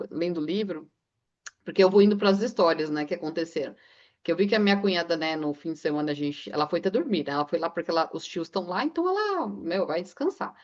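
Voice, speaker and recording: A woman's voice: on the low side, darkish tone, lo-fi sound. A woman in a casual book club discussion, rambling through anecdotes with frequent filler tags. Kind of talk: casual chat.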